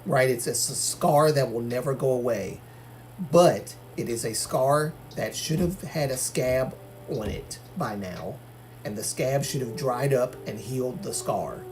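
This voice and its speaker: An Algerian man hosts a livestream, chatting casually, reading viewer comments and giving his opinions with many fillers and restarts. His medium-pitched, darkish voice is unhurried with lively intonation, and there's slight background noise.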